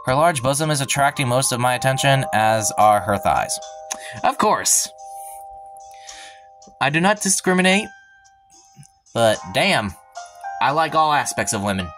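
A man hosting a let's play reads a visual novel's first-person narration aloud at a middle pitch. He stumbles over words and breaks off for wry comments of his own. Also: animated, normal speed, pauses often, fairly bright tone, faint music behind.

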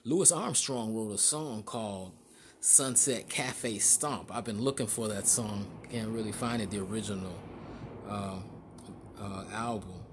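A man narrating a casual walking tour inside a large store, halting often with fillers and restarts. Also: fairly low pitch, noisy background. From Chicago area. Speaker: vlogger.

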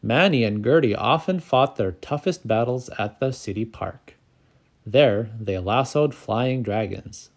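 A man narrating a children's picture book aloud, calm and clear, as the channel's storyteller. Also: medium pitch, unhurried.

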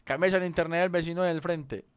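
A man's voice: a little high, fairly even intonation, a little fast, clean tone, no room sound. A young man chatting casually with viewers on a game livestream, playful and rambling, full of slang. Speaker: streamer. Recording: slightly dull lo-fi stream audio.

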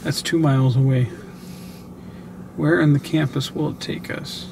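A man hosting his own channel, narrating casually while driving, excited and chatty with lots of fillers, recorded inside a moving car on a mounted camera. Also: fairly high pitch, a little slow, vocal fry. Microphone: camera on a suction mount. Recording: noisy car interior. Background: car road noise.

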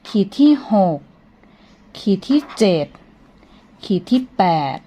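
A woman's voice: medium pitch, animated, slow, dark tone, slightly rough. A woman teacher counting strokes aloud in a patient, sing-song way for young children. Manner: polite, coaxing teacher talk.

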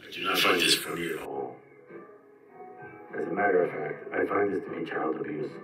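A man voicing a baby boy who talks in a deep gas voice, dubbed low, demanding and wailing for his mommy, heard from a clip played on a tablet. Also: moderate pace, recorded from a distance, music in the background. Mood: indignant. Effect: deep gas voice, dubbed low over a baby. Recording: dull, roomy clip played on a tablet from afar.

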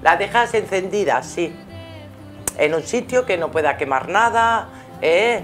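Speaking in a low, expressive, unhurried voice, a middle-aged woman from Spain gives spiritual advice to a caller during the live show she hosts. She is affectionate and uses endearments throughout. Music plays behind her in a small studio with curtains.

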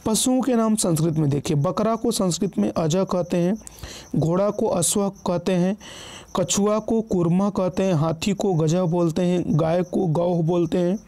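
At a moderate pace, a man whose warm voice sits high takes listeners through an exam-prep word list item by item, self-correcting and frequently checking in with a repeated "ठीक है".

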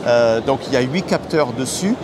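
A man in his thirties, a company director, presenting a new scooter in an interview with a confident sales pitch full of figures. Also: lively intonation, normal speed. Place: busy indoor trade show hall. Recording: loud crowd noise of a trade show. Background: loud trade show crowd noise.

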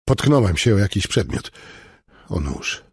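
A man reading an audiobook in measured, somber first-person narration. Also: deep voice, big pitch swings, vocal fry, slightly rough, no room sound, clean studio sound.

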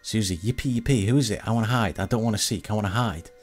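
A man reading an excitable little girl's lines, eager and bouncy, in close to his own low voice. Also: fast talker, soft background music, natural voice. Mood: excited.

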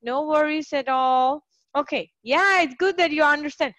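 A high-voiced woman tutor runs a live online English lesson, cheering her students on with quick praise. Her voice is close and dry, caught on a computer mic with no room sound around it. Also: fairly bright tone, dry recording. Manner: upbeat, encouraging, praises students often. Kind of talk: live online class teaching.

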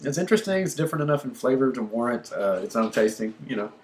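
A man's voice: mid-range voice, expressive, fast talker. Laid-back man with a drawl. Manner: laid-back, rambling, lots of ums and likes. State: panting and sighing from chili burn. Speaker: pepper-tasting vlogger. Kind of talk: casual unscripted vlog.

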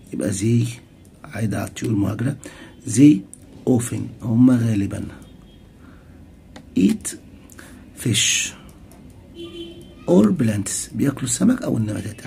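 A man teaching an English textbook lesson in Egyptian Arabic, reading English phrases slowly and translating them quickly. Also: mid-range voice, vocal fry, warm tone, breathy edge. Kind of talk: classroom lesson explaining a textbook.

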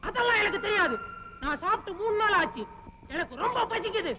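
A man voicing a hungry male vampire spirit in a shrill, wailing voice. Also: expressive, a little fast. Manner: shrill wailing, high-pitched. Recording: dull lo-fi film audio with noise.

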